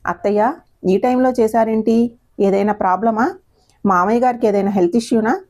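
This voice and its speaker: A woman's voice: mid-range voice, fairly even intonation, dark tone, natural voice. A woman voicing an anxious, polite young son-in-law who speaks in a worried rush in an audio story. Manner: worried, hurried.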